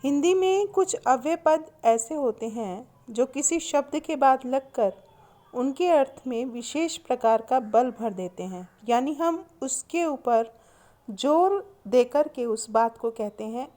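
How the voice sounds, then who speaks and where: Slow, high-voiced woman teacher. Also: animated, mellow. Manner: explains slowly, repeating examples with emphasis. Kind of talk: recorded class lesson. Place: recorded at home on a phone app.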